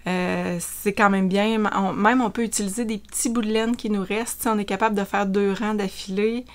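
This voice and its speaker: A knitting vlogger with a Quebec French accent chats casually in show-and-tell style, sprinkling in lots of fillers. Her voice is medium-pitched and steady, at a moderate pace.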